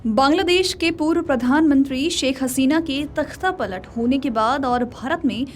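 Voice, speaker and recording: A woman's voice: high-pitched, normal speed. A woman reading a scripted news report as a video news presenter. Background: faint music.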